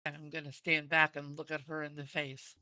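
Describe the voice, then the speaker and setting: A woman player at a tabletop game describes her character's moves in the first person. Her tone is bright and clear, and the sound is dry and close. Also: sits low, level tone, a little fast, no room sound. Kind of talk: tabletop role-play.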